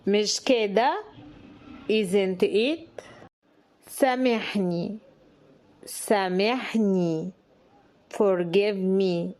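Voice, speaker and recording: This is a woman teaching her language, with an Egyptian Arabic accent. She speaks at an extremely slow, deliberate pace and keeps her pitch in the middle range for a woman. She says each short phrase twice, then gives it in English. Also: darkish tone. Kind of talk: slow phrase drill for learners.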